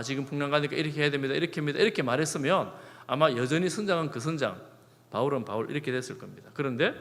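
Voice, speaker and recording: A man's voice: on the high side, a bit bright. A middle-aged male pastor preaching a sermon, acting out quoted prayers and words in shifting tones. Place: church sanctuary. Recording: long hall reverb.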